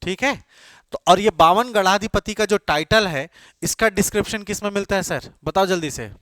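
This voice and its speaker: Male teacher, somewhat high voice, quizzing a class, repeats answers, dry close sound. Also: normal speed, sharp tone, no echo. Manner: quizzing students, repeating answers, urging them to hurry. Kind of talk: classroom lecture.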